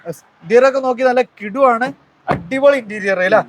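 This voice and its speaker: A man's voice: very high-pitched, quick pace, rough recording. A man hosting a promotional car walkaround, mixing English words into his in enthusiastic sales patter full of tag questions. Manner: mixes English words into Malayalam. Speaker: video host presenting used cars.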